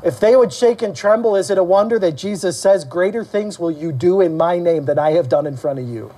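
Animated male pastor preaching a sermon. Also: brisk. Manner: animated preaching, acting out quoted voices with rising pitch; asks the congregation questions and calls for amens. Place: church service.

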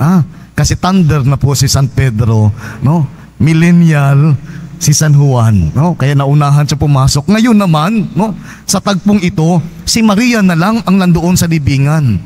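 Filipino priest preaching in conversational tags. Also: male voice, on the high side, darkish tone. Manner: conversational preaching, frequent tag questions. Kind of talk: homily at Mass. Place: large church.

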